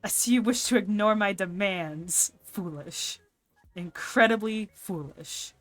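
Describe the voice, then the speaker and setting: A woman's voice: mid-range voice, unhurried, soft background music, natural voice. A woman voicing a pompous grim reaper who demands a soul through a chat app, grandiose and easily flustered. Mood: commanding.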